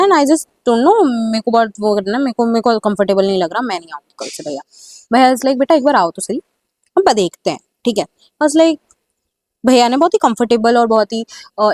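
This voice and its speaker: Young woman telling a casual story, high voice. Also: no room sound, clean studio sound. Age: young adult. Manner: animated, mixes Hindi and English. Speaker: storyteller vlogger.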